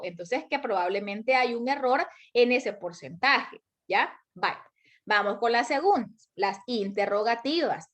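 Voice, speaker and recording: A woman teaching a high school grammar class online, explaining patiently with many spoken examples and questions to her students.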